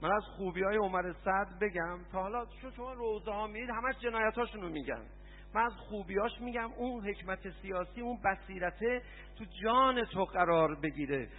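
A man preaching a mourning sermon, impassioned, swinging from hushed asides to shouts, with sarcastic remarks. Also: high-pitched, slight background noise. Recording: tinny phone-like sound, long hall reverb.

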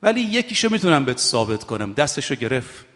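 A man preaching a sermon, swinging from hushed storytelling to raised, emphatic exhortation and chanting scripture quotations slowly. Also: mid-range voice, sing-song. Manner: chants Arabic quotations in a slow, drawn-out voice. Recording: long reverb of a large hall.

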